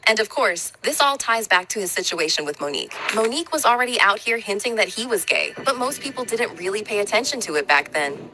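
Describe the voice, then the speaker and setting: A woman's voice: medium pitch, rough recording. A woman hosting a celebrity gossip show, narrating in a casual, slangy storytelling manner.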